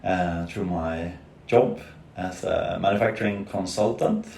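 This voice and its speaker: A man's voice: deep voice, measured pace, creaky, darkish tone. A man from Sweden, a nervous, hesitant podcast guest who uses many fillers, speaking over a video call. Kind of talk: casual conversational interview. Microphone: video call camera. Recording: echoey room with faint noise.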